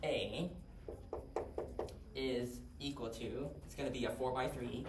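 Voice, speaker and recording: A man's voice: mid-range voice, steady tone, slow. A man giving a math lecture, talking casually and asking his class questions. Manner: conversational, asks the class questions. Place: lecture hall. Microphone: distant room mic. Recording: roomy, distant, faint hiss.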